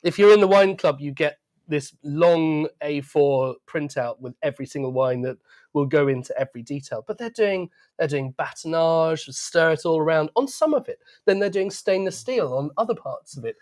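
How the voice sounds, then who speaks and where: A man's voice: on the high side, expressive, normal speed, a little mellow. Enthusiastic man explaining wine in conversation.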